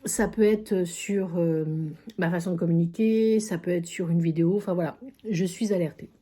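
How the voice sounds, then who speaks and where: Woman vlogger, psychic medium, low-pitched, husky, chatty and rambling. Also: steady tone, normal speed, mellow. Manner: chatty, many fillers and repeated phrases. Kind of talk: casual vlog storytelling. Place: at a friend's country house.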